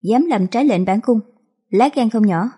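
Give me a woman voicing an icy young empress, commanding and curt, slightly high voice. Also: lively intonation, moderate pace, dark tone, slightly rough. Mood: cold. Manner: cold, clipped and commanding. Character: cold, ruthless young empress.

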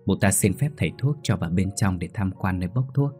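A man narrating a scripted ghost story in a steady, somber way. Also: sits low, fast talker. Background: faint music.

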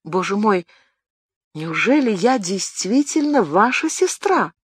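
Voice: medium pitch, sing-song, takes it slowly, slightly rough, dry recording, studio quality, pitched above the performer's own voice, full character voice. A reader voicing an earnest, insistent young noblewoman in an audiobook, pleading and questioning in a raised tone. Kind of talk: audiobook character reading.

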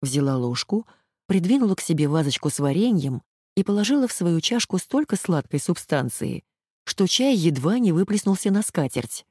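A woman narrating an audiobook in an even, measured way. Her voice sits low with a dark, mellow tone, and the recording is dry and close. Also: slightly rough, dry recording.

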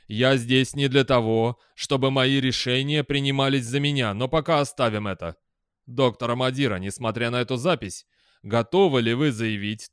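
Brief: male reader doing a commanding chairman, slow, loud and deliberate, close dry sound. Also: medium pitch, smooth, dry recording, lightly acted. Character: stern powerful male council chairman.

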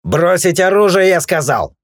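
A man's voice: sits high, big pitch swings, normal speed, dry recording, clean studio sound, pitched above the performer's own voice. A man voicing a stern male station security guard who barks orders. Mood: barking. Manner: commanding, barking orders.

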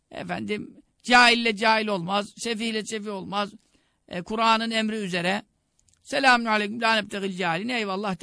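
High bright-voiced man preaching. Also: gravelly, no echo, studio quality. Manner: preaching with rising emphatic exhortations. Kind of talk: religious sermon on radio.

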